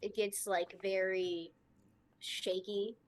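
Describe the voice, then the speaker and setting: A woman's voice: medium pitch, flat delivery, slow. A woman playing a tabletop game, chatting eagerly with the table. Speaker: player. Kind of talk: casual chat at a tabletop game.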